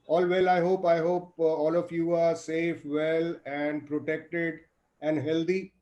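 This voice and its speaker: A man speaking in an online business meeting, measured and explanatory with many fillers. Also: a little high, little pitch movement, a little mellow, highs cut off. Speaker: furniture buyer in a trade meeting.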